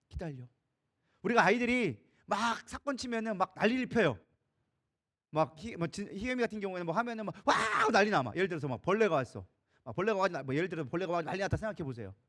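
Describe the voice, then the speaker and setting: A man's voice: high-pitched, very fast. A middle-aged man preaching a sermon as co-senior pastor in a church, questioning the congregation and acting out quoted voices. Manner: animated, acts out God and parents in quoted voices, asks the congregation questions. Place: church sanctuary.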